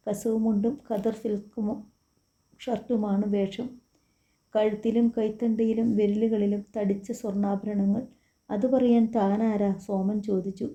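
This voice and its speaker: A woman narrating an audiobook story, softly voicing the characters' quoted lines. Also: medium pitch, lo-fi sound. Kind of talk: scripted narration with character dialogue.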